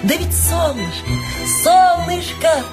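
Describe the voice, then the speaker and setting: A man voicing a fussy, excitable aging stage actress in an audiobook, gushing and nervous. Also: very high voice, a little fast, over loud music, pitched above the performer's own voice. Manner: theatrical, gushing, nervous exclamations. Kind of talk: audiobook character voice.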